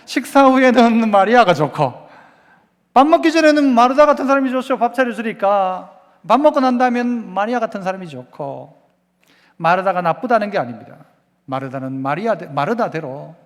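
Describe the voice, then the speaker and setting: A man's voice: sits high, big-room sound. A man preaching a Sunday sermon as pastor, asking the congregation questions and having them repeat lines after him.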